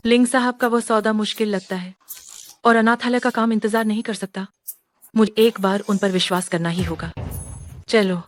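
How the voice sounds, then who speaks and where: A woman's voice: mid-range voice, steady tone, moderate pace, a little hiss or hum, natural voice. An actress playing an earnest, determined young woman doctor in a Hindi drama dub.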